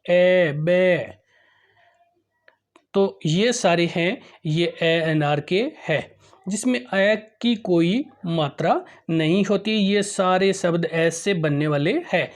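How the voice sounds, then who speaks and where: A teacher explaining Hindi vowel signs, spelling out syllables and example words one by one in a slow, deliberate way. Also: medium pitch. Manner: addresses parents and teachers directly.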